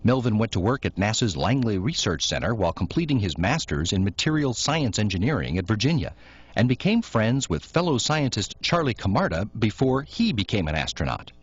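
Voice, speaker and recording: A man reading scripted documentary narration in a measured, informative way. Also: lowish voice, very animated, husky, no echo. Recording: dull lo-fi recording, dry.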